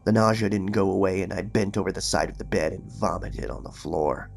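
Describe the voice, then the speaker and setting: Here a horror narrator who also runs the channel reads a creepypasta in a brisk, low, creaky voice. His storytelling is dramatic and suspenseful, and afterward he gives a casual recap.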